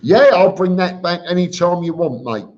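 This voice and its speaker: A man's voice: high voice, lively intonation, moderate pace, a little mellow. A man hosting a casual live stream, reading out comments and answering them in an informal, blunt, matey way. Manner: informal and blunt, calls listeners mate. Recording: dull lo-fi live stream audio.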